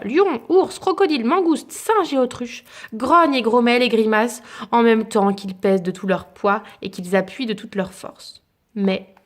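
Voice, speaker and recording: A woman with a fairly high voice reads a children's picture book aloud to her child. Her storytelling is lilting and expressive, with dramatic pauses before each turn of the tale. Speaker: parent reading a story aloud.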